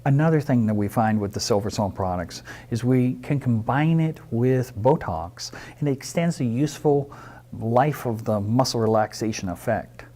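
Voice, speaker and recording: A man describes a dental procedure in clinical terms. His voice is mellow and warm. He speaks in a measured way and leans on key points. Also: medium pitch. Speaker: dentist. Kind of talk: explaining a procedure on camera.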